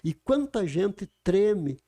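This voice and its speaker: A man's voice: high-pitched, big pitch swings, takes it slowly, dark tone. A man explaining how to speak well. He talks in an emphatic, teaching way and asks rhetorical questions. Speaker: communication speaker. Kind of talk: conversational explaining. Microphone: podcast microphone.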